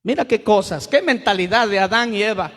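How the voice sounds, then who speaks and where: A male pastor delivering a sermon, breaking into sudden shouts for emphasis. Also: high voice, brisk, long reverb tail.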